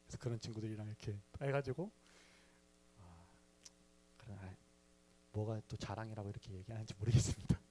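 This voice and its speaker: A man's voice: fairly low pitch, brisk, pauses often, mellow, slight background noise. A young man telling his personal faith story in a sermon to a youth service, chatty and playful with the audience. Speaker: youth ministry speaker.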